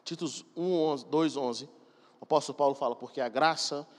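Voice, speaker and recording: A man's voice: mid-range voice, a little fast. A man preaching a sermon, emphatic and speaking straight to the congregation. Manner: emphatic, addresses congregation directly. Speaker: pastor. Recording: long hall reverb.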